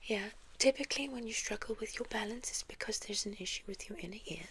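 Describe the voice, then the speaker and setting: A South African woman in a whispered role-play as a gentle, reassuring doctor, speaking softly and very close, right into the ear. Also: fairly high pitch, a little hiss or hum, poor audio. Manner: gentle, reassuring, unhurried patter of an examiner. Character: polite, reassuring female doctor examining a patient. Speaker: ASMR performer playing a clinic doctor. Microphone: very close microphone.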